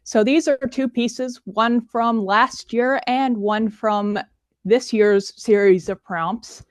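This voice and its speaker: A woman's voice: on the high side, steady tone, takes it slowly, no room sound, studio quality. A woman, speaking as a lilting, theatrical storyteller and bard at a poetry open mic.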